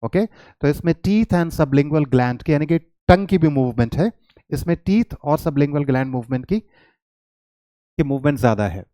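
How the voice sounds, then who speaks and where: A man teaching English pronunciation, explaining patiently in Hindi mixed with English and slowing right down to demonstrate tongue twisters. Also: a little high, animated, dark tone, no echo. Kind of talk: spoken lesson mixing Hindi and English.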